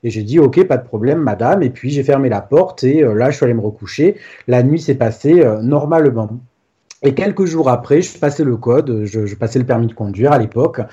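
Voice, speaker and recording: A man's voice: mid-range voice, brisk, mellow, husky. A man telling a personal ghost story in a casual, hesitant way, full of restarts and fillers. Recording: dull lo-fi sound.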